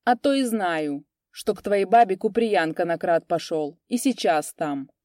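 A surly, swaying drunk peasant man who jeers at everyone around him, as a woman reads him aloud. He sounds louder and a bit higher than the telling around him, the tone dark and mellow, set in a dry, close storybook recording. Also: lively intonation, a little slow, no echo. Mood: sullen. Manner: slurred, surly, jeering.

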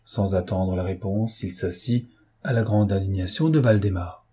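Low, husky male audiobook narrator. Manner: measured, even storytelling. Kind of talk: audiobook reading.

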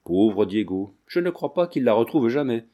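A man reading the part of a frightened male servant who speaks in a halting, deferential, fearful way. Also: medium pitch, sing-song, mellow.

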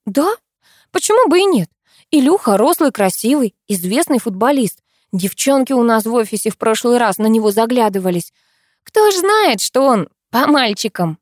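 Female narrator as a persuasive schemer, brisk and animated, dry close read. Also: on the high side, no echo, pitched above the performer's own voice. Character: scheming, practical young woman colleague.

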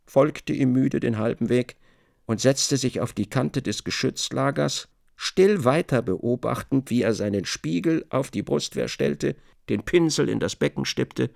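Measured male radio drama narrator. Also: mid-range voice, vocal fry, a little mellow, no room sound, studio quality. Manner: measured, descriptive reading. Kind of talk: scripted literary narration.

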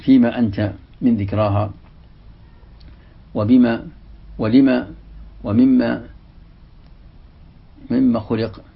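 A man giving a religious lesson, reading a passage from a classical text and then explaining it slowly, repeating the example words. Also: medium pitch, little pitch movement, vocal fry, slightly rough. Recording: dull, lo-fi lecture recording.

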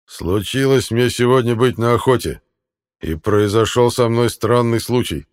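Guy reading as a grave king, loud and slow, barely holding back rage, audiobook. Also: medium pitch, clear, resonant tone, voice pushed up, close to an everyday voice. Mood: grave, restrained fury. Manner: slow, solemn and measured. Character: angry old king hiding his fury.

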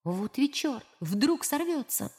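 A woman voicing an unseen male contact who gives curt, hushed warnings. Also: high-pitched, sing-song, takes it slowly, full character voice. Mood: hissing.

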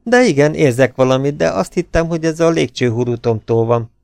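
A man doing a cocky young charmer from a pulp adventure who tosses off jokes with a glib, teasing lift. He stays matter-of-fact and cynical even under fire. The voice is close and dry. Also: fairly high pitch, creaky, no echo, pitched above the performer's own voice. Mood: flippant. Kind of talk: audiobook character voice.

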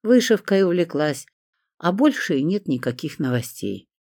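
Expressive first-person audiobook reader. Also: medium pitch, moderate pace, no room sound, clean studio sound. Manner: expressive, voices characters.

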